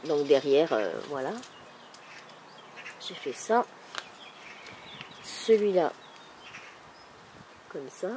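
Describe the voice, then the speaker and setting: A woman with a thick, swollen-tonsils sore-throat voice, speaking softly and casually as she presents a craft project. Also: low voice, lively intonation, extremely slow, long pauses. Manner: soft-spoken, holding back volume. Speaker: craft video maker presenting an album. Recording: clearly noisy background ambience.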